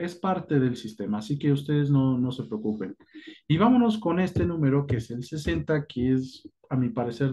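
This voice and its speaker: Man, French teacher, Spanish-speaking, patient, reassuring, slow modeled pronunciation, slightly high, warm mellow tone. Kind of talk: online language lesson. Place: indoors at a whiteboard.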